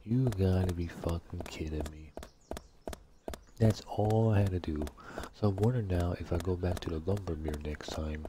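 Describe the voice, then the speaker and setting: A man's voice: deep voice, moderate pace. A man giving casual gameplay commentary, ranting in frustration with lots of swearing and muttering to himself. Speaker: let's play gamer. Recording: clear background noise with clicks.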